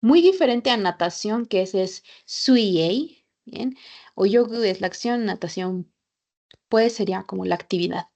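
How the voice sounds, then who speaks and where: A woman teaching a Japanese class, patient and repeating each example slowly. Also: mid-range voice, animated, darkish tone. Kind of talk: online class lesson.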